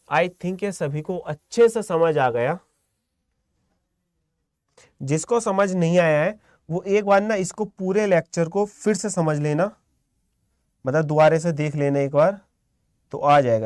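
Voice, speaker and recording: A man teaching a live online shorthand class, calm and encouraging, quizzing students by name. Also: a little high, a little slow, long pauses, no echo, studio quality.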